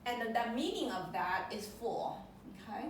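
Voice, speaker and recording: A woman teaching a slow, patient lesson, saying words over and over for her listener. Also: fairly high pitch, big pitch swings, slight background noise. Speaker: lecture teacher. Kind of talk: slow spoken language lesson. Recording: echoey room, voice from far off.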